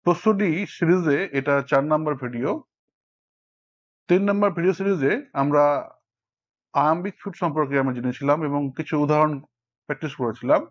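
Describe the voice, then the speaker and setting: A man's voice: fairly high pitch, brisk, pauses often. Bengali-speaking male teacher, lo-fi sound. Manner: counts syllables aloud while explaining. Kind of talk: explanatory lesson. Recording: dull lo-fi recording.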